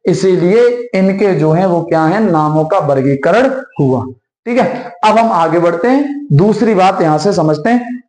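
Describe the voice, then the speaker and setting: A male teacher giving an exam-prep lesson. He asks questions and answers them himself, and repeats key terms and sounds slowly. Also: high-pitched, echoey room, rough recording.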